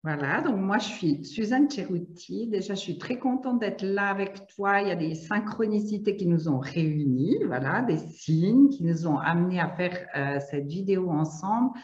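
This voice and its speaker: A woman's voice: on the low side, expressive, moderate pace, hardly any pauses, darkish tone. A woman facilitator chatting casually on a video call, with frequent filler sounds. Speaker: family constellation facilitator. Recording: echoey, dull lo-fi video call audio.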